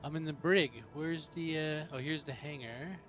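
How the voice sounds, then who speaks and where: A man's voice: a little high, fairly even intonation, moderate pace, fairly bright tone. Man thinking aloud over game music. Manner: thinks aloud while playing. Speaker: video game player. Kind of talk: casual gameplay chat with friends.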